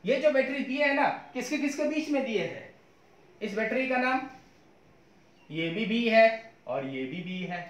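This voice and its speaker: A man's voice: very high-pitched, expressive, a little slow, long pauses. A man teaching physics in a lecture, often asking his students questions and mixing English terms into his talk. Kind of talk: classroom lecture. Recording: echoey room.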